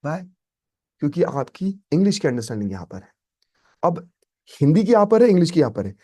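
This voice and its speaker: A man's voice: on the high side, sing-song, fairly quick, warm tone. A man teaching a spoken English lesson, emphatic and repeating his key points.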